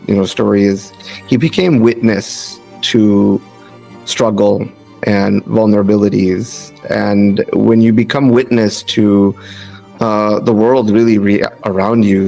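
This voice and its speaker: Male podcast guest, gravelly low voice, thoughtful and halting. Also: a little mellow, rough recording. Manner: reflective, searching for words. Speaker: guest, physician. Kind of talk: casual interview.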